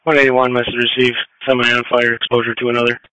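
A man's voice: medium pitch, monotone, quick pace, bright, forceful tone, no room sound, rough recording. A man working as an emergency dispatcher, speaking in a clipped, businesslike procedural way over two-way radio. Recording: dry close two-way radio audio.

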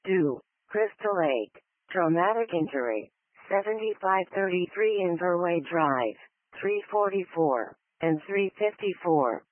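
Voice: medium pitch, lively intonation, measured pace, dry recording, narrow, tinny audio. An emergency dispatcher reading formulaic call announcements in a clipped manner, repeating each one, over a radio channel.

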